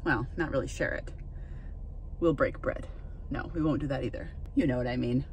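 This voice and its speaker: A woman in her thirties, a flower farmer who vlogs, narrates casually into a handheld phone camera as she works outdoors on her farm in cold weather, sometimes from inside a car. Her voice rumbles low at a normal pace, with a little hiss or hum in the recording. She's chatty, thinks aloud, and corrects herself in side remarks.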